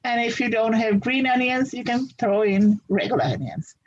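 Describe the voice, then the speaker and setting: A woman's voice: a little high, expressive, normal speed, lo-fi sound, slight background noise. A woman from Fiji answering interview questions in a practical, upbeat way. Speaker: interview guest.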